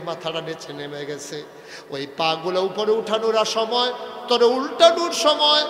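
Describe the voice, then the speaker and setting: Man preacher, chanted sermon, high bright voice, long reverb over a PA. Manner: swings from hushed storytelling to sung, shouted wails. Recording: echoey open-air PA, distant.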